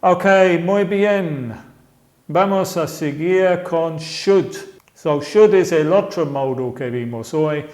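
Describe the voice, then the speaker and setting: Male language teacher, slightly high voice, slow and careful, repeats examples, echoey room. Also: darkish tone. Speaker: English teacher. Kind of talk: language lesson explaining grammar.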